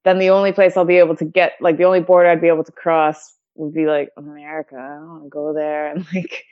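A woman from Canada chatting in a relaxed interview, laughing often and using lots of fillers. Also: low-pitched, fast talker. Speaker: guest. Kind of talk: casual conversation. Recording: dull lo-fi audio.

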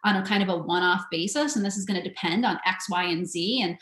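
A woman's voice: fairly low pitch, fast talker, fairly bright tone, roomy sound. A woman speaking as a guest entrepreneur and coach in a casual podcast conversation. She is candid, swears freely and fills her talk with "like". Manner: candid, swears freely, many filler likes.

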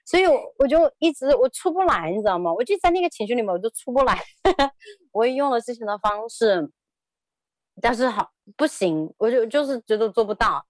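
A woman's voice: a little high, expressive, brisk, no echo. A woman in her thirties telling a personal story as an interview guest, hesitant, often repeating words and laughing.

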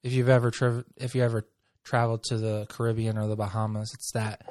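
A man's voice: on the low side, little pitch movement, fast talker, darkish tone, dry recording, studio quality. A man hosting a casual chat, gushing and rambling, often trailing off mid-sentence.

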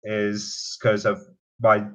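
A Canadian man in his twenties with a mixed Canadian and British accent talks hesitantly, with many fillers, in a casual interview. His voice is on the low side and fairly bright, delivered very slowly and completely flat, on a dull lo-fi recording.

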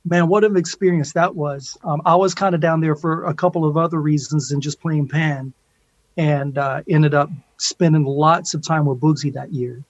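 A man's voice: a little high, steady tone, moderate pace, dry recording. A man chatting informally as an interview guest, laid-back and reminiscing, over a dull online-call connection. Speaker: interview guest, steel pan musician. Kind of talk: casual chat, reminiscing.

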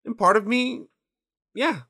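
A man in his twenties speaks at an extremely high pitch, unhurried and sharp-toned. Spanish is his first language and his heritage is Mexican and Nicaraguan. On a podcast he chats casually, rambling and swearing freely while quoting his own thoughts.

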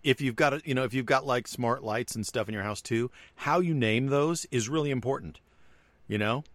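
A man's voice: medium pitch, normal speed, no room sound. A chatty man with a mid-range voice talks tech in casual conversation. He sounds wry and laughs at his own examples. His voice is dry and close, with no room sound. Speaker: tech podcast co-host. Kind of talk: casual chat.

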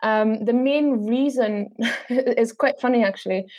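A woman's voice: a little high, unhurried. Austrian woman chatting in an interview. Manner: relaxed, chatty, with filler ums. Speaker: travel blogger and podcast guest. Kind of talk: casual interview answers.

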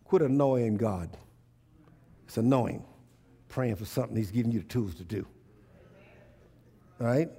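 A man's voice: medium pitch, animated, unhurried, long pauses, dark tone, husky. An American man preaching a sermon conversationally and emphatically, repeating phrases and putting questions to his listeners. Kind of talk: sermon with call and response.

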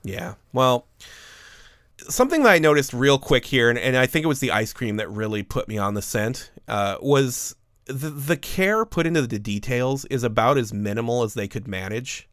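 A man co-hosting a podcast, talking through a movie in loose, conversational chat at a middle pitch. He is wry and joking, and laughs often as he riffs. The sound is dry and close to the mic. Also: expressive, normal speed, a bit bright, no room sound. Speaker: podcast co-host. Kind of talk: casual movie-review chat.

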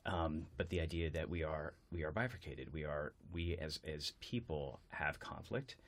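Male podcast host, very low voice, earnest, thinks aloud with restarts. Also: moderate pace. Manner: earnest, searching, repeats words while thinking. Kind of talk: conversational interview.

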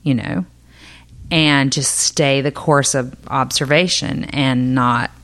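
Low-voiced woman co-host. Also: steady tone, slow, fairly bright tone. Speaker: podcast co-host. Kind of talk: conversational chat.

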